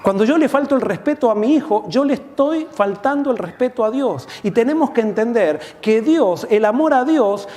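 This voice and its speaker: A man preaching a sermon as pastor, earnest, swelling on key points and dropping low and soft when reading scripture. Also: long reverb tail.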